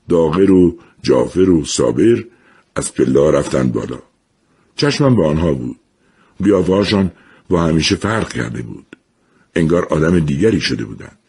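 A male narrator reads a storybook aloud in a low, deep, slightly husky and a little mellow voice. His delivery is measured and reflective, never hurried from one line to the next.

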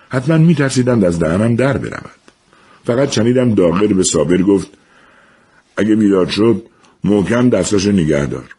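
A man narrating a story in a measured, reflective way. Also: low voice, mellow, slightly rough.

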